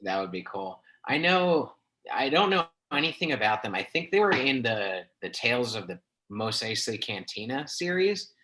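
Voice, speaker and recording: A man's voice: medium pitch, sing-song, moderate pace, bright, forceful tone, poor audio. A young man in casual podcast chat who tells stories in a chatty way and laughs as he talks. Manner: chatty storyteller, laughs while talking. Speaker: podcast co-host.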